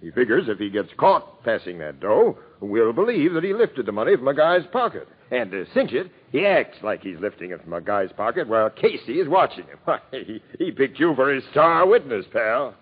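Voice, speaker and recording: An actor playing a shrewd police captain who argues in slang, in 1940s radio drama style. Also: male voice, mid-range voice, sing-song, normal speed, hardly any pauses, husky. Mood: arguing, knowing. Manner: argumentative, slangy. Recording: tinny, narrow-band 1940s radio recording.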